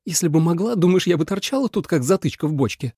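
A man's voice: fairly high pitch, expressive, fast talker, mellow, husky, dry recording, studio quality, pitched above the performer's own voice. Snappish snake demon woman, a man's put-on voice. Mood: demanding. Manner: snappish, sarcastic.

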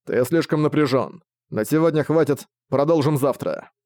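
A relaxed male priest mentor in a storybook reading, unhurried and lightly mocking, as a man reads him in his own mellow voice. The sound is close and dry. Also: fairly high pitch, no echo, close to an everyday voice. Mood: teasing. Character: carefree male priest mentor, teasing and calm.

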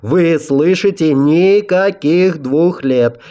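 A man's voice: fairly high pitch, takes it slowly, dark tone, pitched above the performer's own voice. Asigal, a man voicing a furious council head. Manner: furious, hissing threats.

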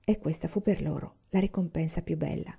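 Calm woman reading a storybook aloud. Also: sits low, brisk, gravelly, slightly rough. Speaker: reader of a novel. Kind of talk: read-aloud storybook narration. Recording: dull lo-fi recording.

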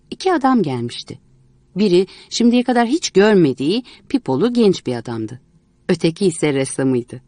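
A woman reading a story aloud in a measured, expressive way. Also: on the low side, no room sound. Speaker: narrator.

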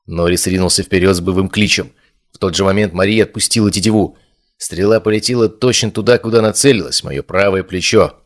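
Man, audiobook narrator, first-person fantasy, very low voice, steady, measured.

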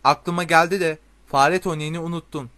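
A man reading a storybook voices an eager teenage schoolgirl, speaking in a bright, insistent way. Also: a little high, fairly even intonation, brisk, dry recording.

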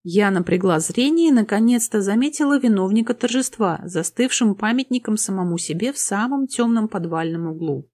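A woman reading a fantasy audiobook with lively, playful storytelling. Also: medium pitch. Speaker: audiobook narrator. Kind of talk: expressive fantasy audiobook narration.

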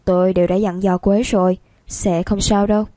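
A woman voicing a doting middle-aged rich man who coaxes and pleads softly. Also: medium pitch, level tone, brisk, no room sound, natural voice. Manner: coaxing, pleading.

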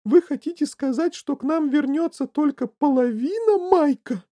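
A panicked, tearful mother, as the audiobook's reader puts her on, pitched high and shrill and wailing. Her lines rise and fall widely, loud and distraught, in a storybook reading. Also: lively intonation, normal speed. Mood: alarmed. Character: frantic, tearful middle-aged mother.

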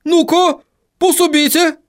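Gruff dwarf printer, a man voicing him, high and slow, barking, audiobook figure. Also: flat delivery. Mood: urgent. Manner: barking, exclaiming.

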